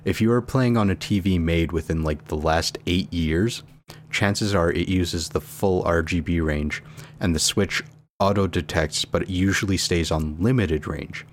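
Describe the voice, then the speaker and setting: A man's voice: low voice, unhurried, a little hiss or hum. A man co-hosting a casual gaming chat, explaining console settings step by step and swearing casually. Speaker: podcast co-host. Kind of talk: casual chat about video games.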